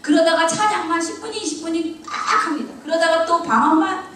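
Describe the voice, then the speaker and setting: A woman's voice: very high-pitched, brisk, a bit bright, slight background noise. A middle-aged woman, a church deaconess, giving her testimony with humor, mocking herself and laughing often. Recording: very echoey hall, mic far off.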